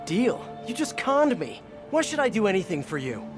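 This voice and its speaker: A man's voice: sits high, very animated, normal speed, over music. An American man playing a quippy, earnest young superhero in a video game, talking in a wry, casual way. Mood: puzzled, exasperated. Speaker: video game lead character. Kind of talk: video game voice acting, conversational.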